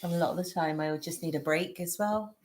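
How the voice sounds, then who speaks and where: Low-voiced woman with a Bristol accent. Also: quick pace, a little mellow, slight background noise. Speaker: co-host. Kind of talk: casual teaching chat.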